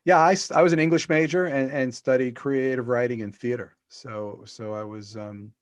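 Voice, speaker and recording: A middle-aged man, an author appearing as a podcast guest on a video-call interview, tells long, rambling stories with fillers and restarts. His mid-range voice holds a steady tone at normal speed, with no echo.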